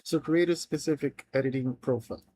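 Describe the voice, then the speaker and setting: A native Spanish speaker talks through his plan for an app on a live coding stream, reading it aloud haltingly with many restarts and unfinished phrases. His voice is mid-pitched for a man and mellow. The sound is close and dry, with almost no room and no echo.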